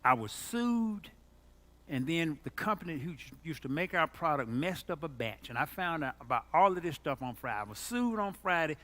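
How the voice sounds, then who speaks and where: Animated, bright-voiced male preacher. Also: normal speed. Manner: dramatic, storytelling preacher with big pitch swings. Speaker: pastor. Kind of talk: sermon.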